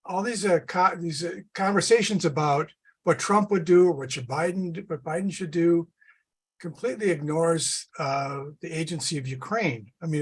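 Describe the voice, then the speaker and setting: A male caller makes blunt, skeptical comments to a talk show. His voice is a touch higher than most men's and has a husky grain. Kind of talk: call-in comment.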